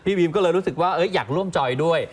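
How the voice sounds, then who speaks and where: A man co-hosting an entertainment news show, reacting with lively exclamations and polite particles. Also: high-pitched, rapid-fire.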